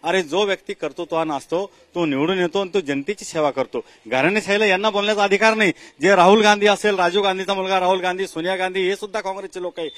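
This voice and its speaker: Fired up marathi guy hitting back, high bright voice, dry sound. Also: fairly even intonation, quick pace, few pauses, dry recording. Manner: combative, rising into shouts. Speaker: ruling party supporter in a debate. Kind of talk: heated political rebuttal.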